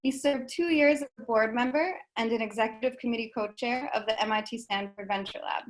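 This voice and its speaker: A woman hosting an online interview session, reading a prepared introduction in an even, organized way over a video call. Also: on the high side, fairly quick. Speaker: host of an online speaker session.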